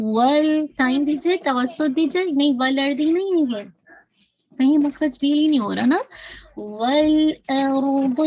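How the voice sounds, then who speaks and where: A woman with a high, light voice leads a patient recitation lesson. She stretches the verses out slowly and clearly, then drops into quick, friendly explanations, regularly checking that her listeners follow along. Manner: patient, repeats "ٹھیک ہے؟" to check understanding; drawn-out slow recitation between quick explanations. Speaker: Quran recitation teacher. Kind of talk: tajweed lesson with slow modeled recitation.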